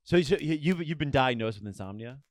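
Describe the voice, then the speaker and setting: A man's voice: mid-range voice, animated, fast, no echo. Stammering man in casual comedic chat. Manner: rambling, stammering restarts. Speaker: comedian podcast host.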